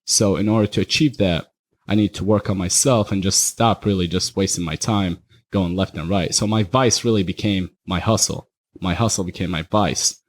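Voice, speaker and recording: A young man from Iraq, a party promoter, talks candidly as a podcast guest and rambles a little in a casual chat. His voice is deep and his speed normal.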